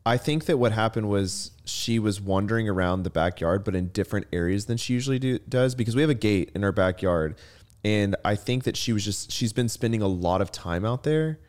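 Man, podcast co-host, calm casual talk, lower-pitched. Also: a little fast. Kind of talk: casual chat.

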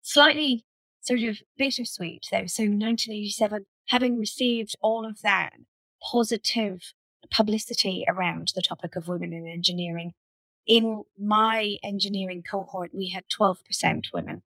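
A woman in her fifties from Ireland, an engineering director, answers conversationally as a panel guest on a video call. Her Irish-accented voice is medium-pitched and fairly bright at normal speed, in a dry, rough recording.

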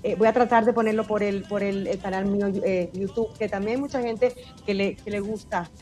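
A woman's voice: medium pitch, fairly even intonation, a little fast, a little mellow, soft background music. A woman from eastern Cuba with an eastern Cuban accent, chatting as a singer in a radio interview. She talks expressively and laughs often. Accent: eastern Cuban Spanish. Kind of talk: casual radio interview chat.

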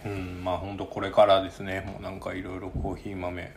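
A middle-aged man hosts a podcast in a chatty Kansai accent. His voice sits fairly low and he talks at a rapid clip, informal and loose. Faint noise sits behind him. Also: monotone. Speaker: podcast host. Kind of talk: casual podcast chat.

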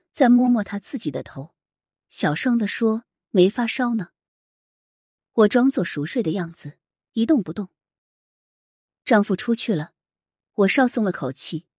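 A woman reads a first-person story aloud, slowly and softly, with emotion. Her voice is husky and breathy, and the recording is close and dry. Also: medium pitch, no room sound. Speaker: narrator.

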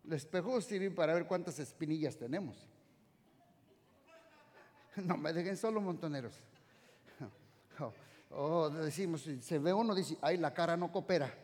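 Preaching a sermon in a reverberant hall, a Mexican-born man uses a high, ringing voice that hangs in the long echo. He is animated, moving from loud exclamations to soft, drawn-out words.

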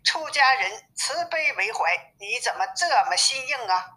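A woman's voice: high-pitched, big pitch swings, a little slow, sharp tone, voice pushed up, full character voice, poor audio. A woman reading the lines of a compassionate male monk master in a storybook, earnest and pleading.

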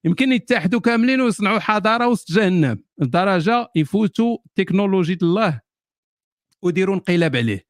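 A rapid-fire Moroccan man answers viewer questions in a loose, joking live Q&A, often breaking into laughter. His voice sits a touch high and sounds close and dry, with no room echo. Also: expressive. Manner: jokey, laughs often, sardonic asides. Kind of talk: casual live Q&A.

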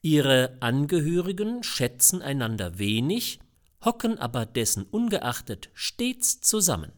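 Guy doing a chill tour guide, slow and showy, lots of up and down. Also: medium pitch, pitched above the performer's own voice. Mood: explaining. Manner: calm, explanatory, showman-like. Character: calm zoo-style tour guide man.

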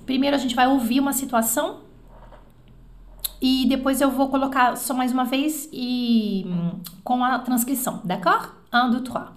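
A woman with a Brazilian Portuguese accent teaching French in a live online lesson, lively and repeating words slowly for practice. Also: high voice, slight background noise.

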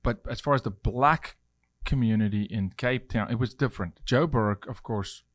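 A man's voice: mid-range voice, normal speed, dry recording. A South African man in his forties from Johannesburg, hosting a podcast interview in a casual, conversational way. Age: 40s. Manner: conversational, restarts often. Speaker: podcast host.

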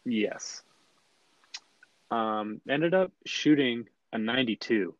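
A man's voice: mid-range voice, animated, slow, no echo, dull audio. A man co-hosting a podcast in casual chat, often stumbling and repeating words as he starts a sentence. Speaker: podcast co-host.

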